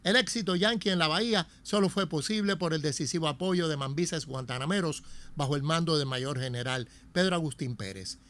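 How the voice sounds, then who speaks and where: A man's voice: fairly high pitch, fairly quick, fairly bright tone. A man with a Cuban Spanish accent reading documentary narration in a solemn, emphatic way.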